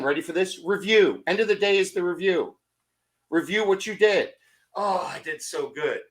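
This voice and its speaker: A middle-aged man on a motivational podcast, telling energetic stories full of rhetorical questions and acted-out asides. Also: sits high. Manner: acts out his own thoughts in quoted asides. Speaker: podcast guest.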